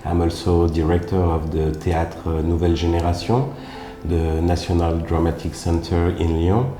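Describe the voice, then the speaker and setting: Theatre director, very deep voice, echoey room. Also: male voice, steady tone, moderate pace, mellow. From France. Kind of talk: documentary interview.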